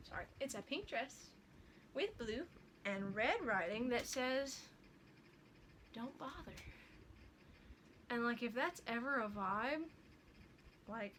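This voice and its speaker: A young woman vlogging in a loose, rambling chat, slightly higher-pitched than most women. She fills her talk with "like", giggles at herself and teases her own quirks. A steady hiss of background noise runs under the recording. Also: poor audio. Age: young adult. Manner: rambling, chatty, lots of "like" fillers; giggly, self-deprecating. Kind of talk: casual chat haul video.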